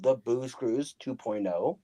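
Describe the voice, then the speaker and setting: A livestream co-host chats casually in a mid-range, mellow voice at a slow pace. He often stammers and repeats words as he gets going.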